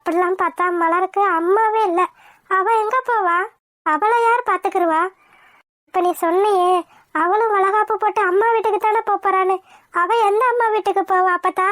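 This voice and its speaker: A young pregnant wife in a cartoon calmly holds her ground, as a woman voices her. Her voice is very high, earnest and insistent. It is recorded close and dry. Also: moderate pace, dry recording. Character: young pregnant wife, gentle but firm. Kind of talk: cartoon voice acting.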